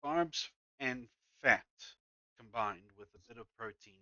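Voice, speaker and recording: Man game streamer, casual rambling chat, bright forceful tone, dry sound, talks while eating. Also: medium pitch, no echo, dull audio. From not from the US. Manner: rambling, halting, many fillers and restarts.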